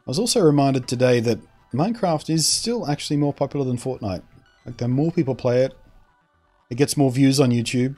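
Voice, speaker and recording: A man's voice: mid-range voice, brisk, over music. Rambling, opinionated male streamer. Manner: rambling, opinionated, trailing off and restarting. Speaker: streamer answering chat. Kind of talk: casual live-stream chat.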